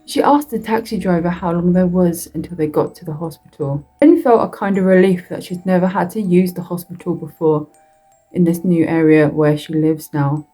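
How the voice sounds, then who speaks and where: A woman narrating a horror story in a slow, deliberate reading that draws out its words. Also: lowish voice, dark tone, faint music behind, low-quality recording.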